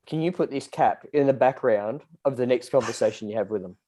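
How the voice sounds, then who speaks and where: A man co-hosts a relaxed podcast conversation. He keeps things light, teasing the others and setting up jokes in a mid-range, everyday voice. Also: medium pitch, brisk. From Australia. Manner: teasing, jokey. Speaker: podcast co-host. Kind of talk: casual chat.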